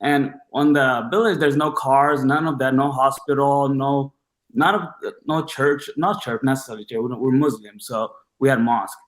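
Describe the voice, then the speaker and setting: At a medium pitch and normal speed, with a steady tone, a twentysomething man from Bangladesh chats as a podcast guest. He tells personal stories informally, full of slang and enthusiasm, and the sound is roomy.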